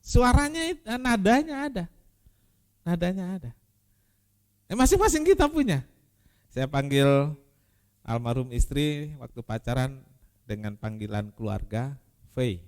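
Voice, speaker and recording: A man preaching a sermon as pastor, repeating key phrases and swinging from loud emphasis to quiet, intimate asides. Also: mid-range voice, big pitch swings, unhurried, pauses often.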